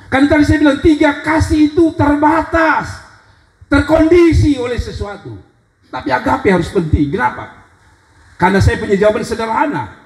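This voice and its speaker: A male pastor with a Kupang accent, preaching an animated sermon and acting out scripture scenes. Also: extremely high pitch, moderate pace, roomy sound, low-quality recording. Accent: Kupang Indonesian. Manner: animated preaching that dramatizes scripture in acted-out voices. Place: church sanctuary.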